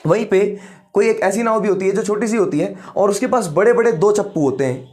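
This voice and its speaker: A man teaching biology. He asks the class questions, answers them himself and repeats the key terms slowly. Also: high-pitched, a little mellow. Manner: mixes English science terms into Hindi. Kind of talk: classroom lecture.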